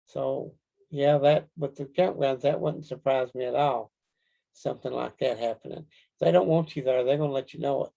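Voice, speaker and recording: A man with a Kentucky accent answering interview questions casually, in a folksy, halting storytelling way. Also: medium pitch, steady tone, vocal fry, dark tone, muffled recording. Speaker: interview guest, Bigfoot researcher.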